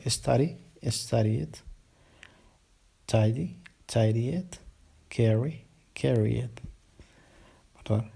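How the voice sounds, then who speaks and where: A man teaching an English grammar lesson in Spanish, going slowly, repeating words and correcting himself as he explains. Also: mid-range voice, vocal fry, dark tone, breathy edge. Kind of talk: recorded classroom lesson.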